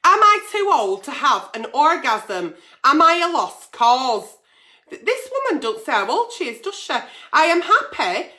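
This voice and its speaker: A woman with a high, bright voice that swings about in pitch. Her words are slightly slack from missing dentures. She talks bluntly and bawdily, like a chatty late-night agony aunt on a livestream. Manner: bawdy, blunt, sweary. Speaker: online agony aunt show host, pantomime performer.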